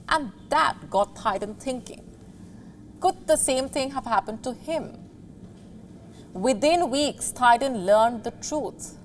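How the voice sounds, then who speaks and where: A woman presenting a scripted news feature in a dramatic, deliberate storytelling manner, pausing for emphasis. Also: a little high, slight background noise.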